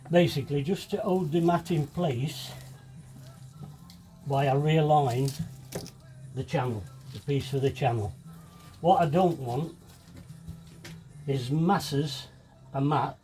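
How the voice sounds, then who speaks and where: A DIY video maker demonstrates fibreglassing in a casual, hands-on tutorial, thinking aloud in a chatty, self-deprecating way. His voice is on the high side, slow and mellow, with frequent pauses, and he sounds slightly sniffly from a cold.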